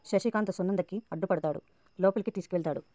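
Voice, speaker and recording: Fast-talking woman recapping a serial. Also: lowish voice, warm tone, dry recording. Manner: reads every character's lines aloud in turn. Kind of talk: fast retelling of a TV serial episode.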